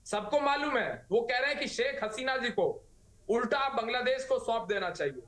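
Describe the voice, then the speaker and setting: A man's voice: very high-pitched, animated, moderate pace, fairly bright tone, reverberant. A man speaking as a party spokesperson on a TV news debate, arguing combatively and firing off rhetorical questions. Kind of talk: heated TV debate argument.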